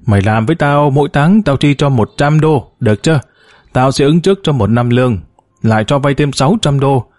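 Man doing a gruff bossy older businessman. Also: mid-range voice, brisk, darkish tone, no room sound, clean studio sound, lightly acted.

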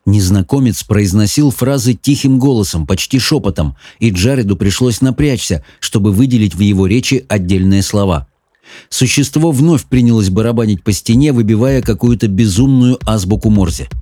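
A man reading a children's fantasy audiobook in measured, even storytelling narration. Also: fairly low pitch, no room sound, studio quality. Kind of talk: scripted narration.

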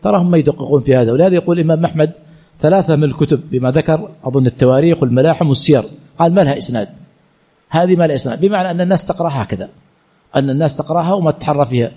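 Sheikh guy rattling off answers to questions, mellow husky tone, repeats himself a lot. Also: a little high, racing. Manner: reads each question aloud, then answers with repeated phrases; colloquial, self-correcting delivery. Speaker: sheikh teaching Islamic jurisprudence. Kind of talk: answering listeners' questions in a religious lesson.

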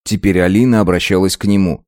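A man narrating a first-person story in a measured, dramatic reading. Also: low voice, fairly even intonation, darkish tone, no echo, studio quality.

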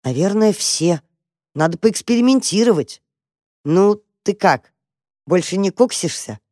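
A woman's voice: medium pitch, expressive, measured pace, mellow, no room sound, clean studio sound, close to an everyday voice. A woman voicing a gloomy, cautious young mouse who grumbles. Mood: grumbling.

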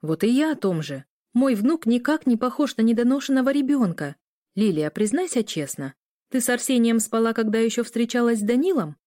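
A fussy, nagging middle-aged mother, voiced by a woman reader, pitched up and insistent as she pries. The audiobook sound is close and dry. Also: lively intonation, fairly quick, dark tone, no echo, lightly acted. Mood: prying. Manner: insistent, prying.

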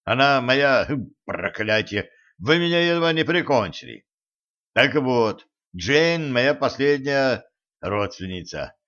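A man voicing a sly, proud old male sorcerer who bristles quickly, read slowly in a slightly dull recording. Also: mid-range voice, animated, a bit bright. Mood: indignant.

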